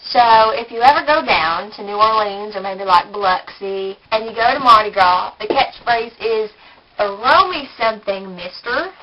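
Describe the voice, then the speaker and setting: A woman putting on a slow texan drawl. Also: medium pitch, highs cut off, slight background noise, close to an everyday voice. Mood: folksy. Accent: put-on Texan. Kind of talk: vlog.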